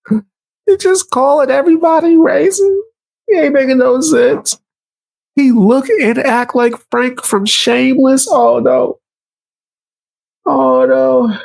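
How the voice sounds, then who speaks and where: A commentary streamer with a New York accent talks casually through a stuffy nose, his voice extremely high, creaky, and nasal. He's animated and jokes with his live chat. There's no echo.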